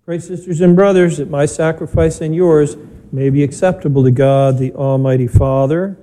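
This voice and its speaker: A priest speaks into a pulpit microphone in a church, his voice mellow and warm but pitched a little high. He is measured and plain-spoken, with a touch of gentle humor, as he preaches and leads the spoken prayers of the Mass. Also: fairly even intonation, low-quality recording. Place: church during a broadcast Mass.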